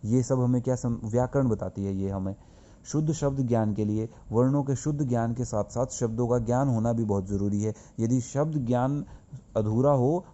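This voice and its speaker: A man's voice: mid-range voice, dark tone, muffled recording. A male school teacher giving a grammar lesson, explaining patiently and asking and answering his own questions. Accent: Hindi-speaking north Indian.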